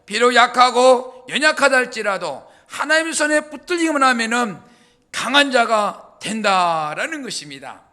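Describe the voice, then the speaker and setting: A man, a pastor preaching a lively, colloquial sermon story. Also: extremely high pitch, normal speed.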